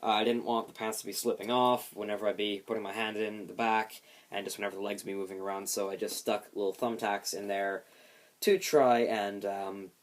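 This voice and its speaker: A man with a somewhat low voice walks through a homemade build. His delivery is casual and explanatory, like a hands-on demonstration. He is lightly self-deprecating about his own explanations. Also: fairly even intonation, brisk.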